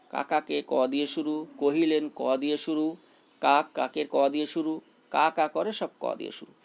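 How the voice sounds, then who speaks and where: A man's voice: on the high side, creaky. A man teaching a school English poem, repeating key words and mixing English terms into his explanation.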